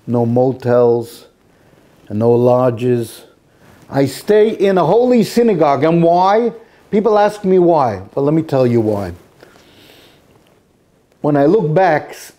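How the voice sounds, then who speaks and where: A man giving an impassioned sermon-like monologue in a synagogue, repeating himself with dramatic pauses. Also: mid-range voice, warm tone. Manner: emotional, repetitive, with dramatic pauses.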